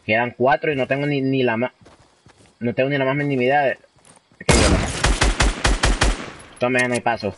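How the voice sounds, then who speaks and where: A young Honduran man livestreams a game, casually commenting on the gameplay, reading viewer messages aloud, using slang, and slipping in English phrases. He talks quickly in a mid-range voice with fairly even intonation, against heavy background noise.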